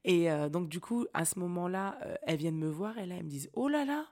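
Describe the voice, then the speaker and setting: A young woman hosts a podcast and tells her own story as a casual monologue. Her delivery is slangy and animated, with frequent laughter and vivid asides to the listener. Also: fairly low pitch, fast. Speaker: podcast host.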